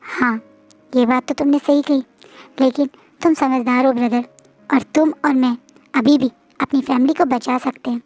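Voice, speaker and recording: A calm elder brother, earnest and persuasive, as a woman voices him. The voice is pitched high. It has the feel of a storybook reading. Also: normal speed, dry recording, soft background music.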